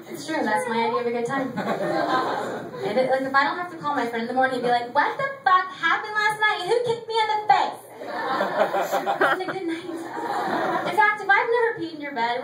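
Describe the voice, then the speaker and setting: A thirty-year-old woman doing a confessional, self-mocking stand-up set, cursing freely. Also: a little high. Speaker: stand-up comedian. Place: small theatre stage with audience laughter. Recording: echoey room recorded from a distance, noisy.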